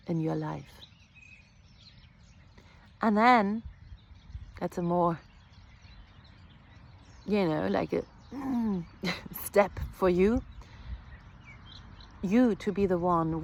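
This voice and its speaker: A woman healer giving an earnest, reflective spiritual talk, repeating phrases and pausing softly. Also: medium pitch, vocal fry. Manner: slow, earnest, with soft pauses and repetitions.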